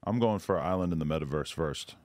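Brief: middle-aged male podcast host, low voice, rapid loose delivery, dry close sound. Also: a little mellow, no room sound. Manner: fast, laid-back, swears freely. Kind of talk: casual interview.

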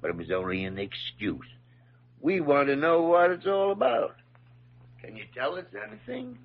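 Raspy, gruff senior doctor. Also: male voice, fairly high pitch, big pitch swings, normal speed. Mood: probing, exasperated. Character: gruff senior doctor, mentor to a younger colleague. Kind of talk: classic radio drama acting. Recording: muffled old radio recording.

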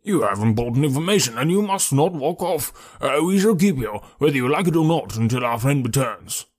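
A man's voice: medium pitch, animated, brisk, a little mellow, natural voice. A man voicing a blustering, self-satisfied male police inspector in an audiobook reading. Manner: hearty, pompous, exclaiming.

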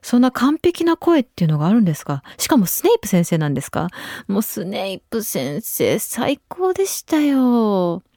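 Mellow-voiced woman radio host, chatty. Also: medium pitch, moderate pace, no echo, studio quality. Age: 20s. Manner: chatty and relaxed, with frequent soft asides. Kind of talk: casual radio chat. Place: radio studio. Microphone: studio microphone.

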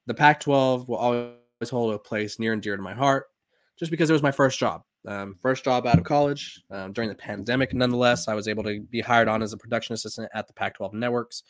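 With a medium-pitched voice and a fast delivery, a man in his twenties hosts a sports podcast, and there's no room sound in the recording. His talk is loose and rambling, packed with "um"s, fillers, and restarts.

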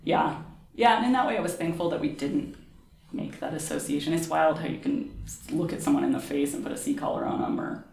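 A woman's voice: low-pitched, fairly quick, gravelly, breathy edge. A woman in her thirties telling stories from her nursing work in a casual chat, laughing often and acting out the people in them. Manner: animated, laughing, acts out voices in her stories. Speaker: podcast guest, nurse.

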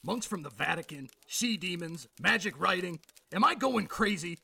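Casting: raspy, exasperated veteran cop boss, old-time beat-cop bark, high and forceful, audio drama. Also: male voice, animated, moderate pace, exaggerated voice. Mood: furious, exasperated. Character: exasperated, sceptical veteran police boss barking orders. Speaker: police commander.

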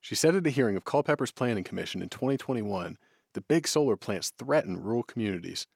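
A man's voice: on the low side, expressive, fast talker, vocal fry, darkish tone, slightly rough, dry recording, clean studio sound. An American man reading scripted news narration as a radio reporter.

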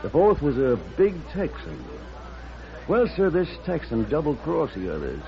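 A man's voice: fairly high pitch, huge pitch swings, unhurried, full character voice. An actor playing a blunt, knowing saloon barman in a vintage radio western, folksy and challenging. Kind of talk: 1940s radio western acting. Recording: dull vintage radio recording.

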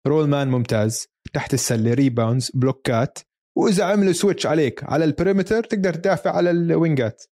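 Fast-talking man, Levantine Arabic accent. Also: on the high side, warm tone, dry recording, studio quality. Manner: mixes English sports terms into Arabic. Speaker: sports podcast co-host. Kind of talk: casual basketball chat.

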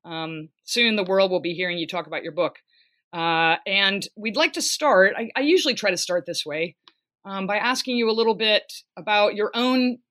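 A woman's voice: medium pitch, sharp tone. A woman hosting a book interview, reading a prepared introduction and then asking long questions full of fillers. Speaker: podcast interviewer.

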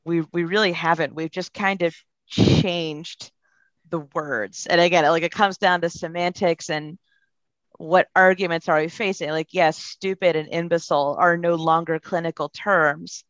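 A woman's voice: fairly low pitch, fairly even intonation, normal speed, dry recording, dull audio. A woman chatting casually on a podcast, earnest and conversational, laughing readily.

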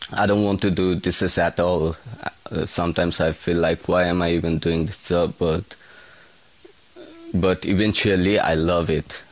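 A young man from Nepal, a kitchen hand answering interview questions in a halting way, often restarting his words. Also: sits low, dry recording. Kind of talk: casual interview.

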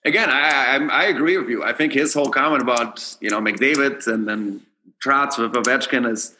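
A man's voice: medium pitch, moderate pace, bright, forceful tone, a little hiss or hum. A man from Austria, a native German speaker, appearing as a guest on a podcast. He is a former pro hockey player and chats loosely, often restarting his words as he thinks. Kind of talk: casual chat.

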